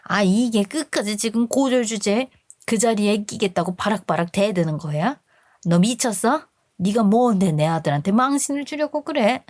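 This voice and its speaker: A woman's voice: medium pitch, lively intonation, normal speed, a little mellow, dry recording, clean studio sound, close to an everyday voice. A woman voicing a domineering, snobbish older mother-in-law who scolds and sneers at her daughter-in-law in a radio story drama. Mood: furious. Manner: scolding, contemptuous.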